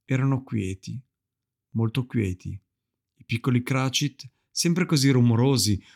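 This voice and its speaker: Gravelly-voiced male audiobook narrator. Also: medium pitch. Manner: calm, measured storytelling. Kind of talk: audiobook reading.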